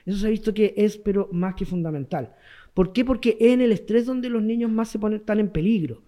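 Heard as the guest expert in a broadcast interview for radio and TV, a man with a Chilean accent explains with emphasis and repeats important words. His high, mellow voice comes across brisk.

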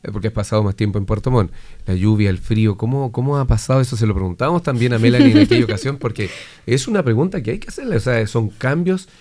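A man's voice: medium pitch, animated, quick pace, dark tone, dry recording. A man hosting a weekly radio interview, friendly and conversational as he asks his guest questions. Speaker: radio host.

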